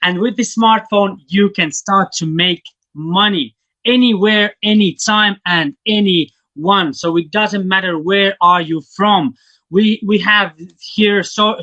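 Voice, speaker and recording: A man from Estonia, not an English speaker, giving an enthusiastic, halting business presentation to an online audience. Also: sharp tone, no room sound, muffled recording. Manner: halting, enthusiastic sales pitch with fillers.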